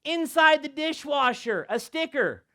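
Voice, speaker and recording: A man with a high-pitched voice speaks to a room of students as their guest speaker. He tells stories with lively energy, jumping from loud, emphatic bursts to hushed, deliberate lines. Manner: animated, swinging from loud emphatic bursts to quiet slow lines. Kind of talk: storytelling talk to students.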